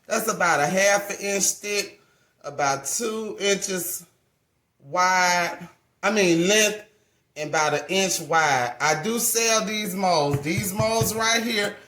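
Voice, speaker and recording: A woman's voice: medium pitch, takes it slowly, fairly bright tone. A woman in her forties giving a casual hands-on craft tutorial, chatty and folksy, often correcting herself mid-sentence. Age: 40s. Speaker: craft channel owner. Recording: roomy echo.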